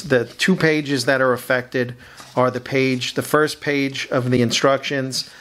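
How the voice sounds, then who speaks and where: A man in his fifties hosting a casual model kit build review from a home hobby room, talking in a relaxed, chatty way with many fillers. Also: medium pitch. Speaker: scale model builder, channel host.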